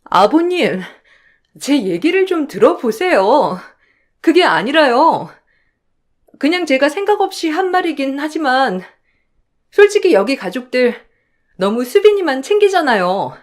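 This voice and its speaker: A woman's voice: high voice, sing-song, a little slow, long pauses, pitched above the performer's own voice. A whiny jealous young in-law, as a woman puts her on. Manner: pleading, whining. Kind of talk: radio drama acting.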